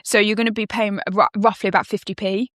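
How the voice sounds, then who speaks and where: A British woman on a podcast, explaining tax changes in a steady, step-by-step way with frequent ums. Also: mid-range voice, fast, dry recording, studio quality. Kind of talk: casual podcast discussion.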